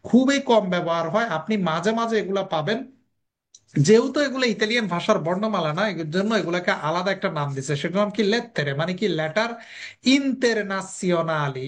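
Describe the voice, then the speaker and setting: A language teacher giving a recorded lesson. The teacher asks questions and answers them, and repeats each sound slowly for drilling. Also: mid-range voice.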